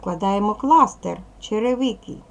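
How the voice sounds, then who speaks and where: A woman teaching a video language lesson to young children, patient and slow, asking questions and waiting for answers. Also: mid-range voice, gravelly. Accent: Ukrainian. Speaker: primary school teacher.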